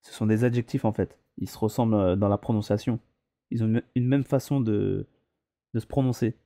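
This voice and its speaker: A man's voice: fairly low pitch, steady tone, a little fast, gravelly, dark tone, no echo. A man teaching a reading lesson, spelling words out syllable by syllable and patiently correcting their pronunciation. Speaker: Arabic teacher.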